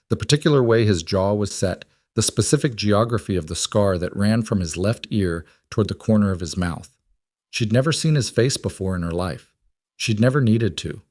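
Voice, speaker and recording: A man narrating a dramatic story in a measured, scripted reading. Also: fairly low pitch, a little mellow, dry recording, studio quality.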